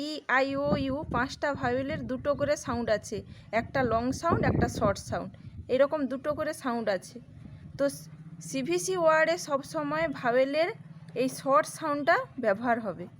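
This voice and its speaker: A woman with a high, light voice gives a phonics lesson for children. She explains patiently and sounds out letters one at a time before blending them. Faint noise hums under the recording. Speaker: teacher.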